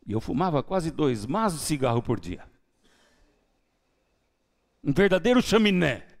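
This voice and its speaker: A man preaching a sermon as pastor, with a Brazilian Portuguese accent, telling his testimony and swinging between hushed, quiet lines and loud, lively ones. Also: a little high, unhurried. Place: church.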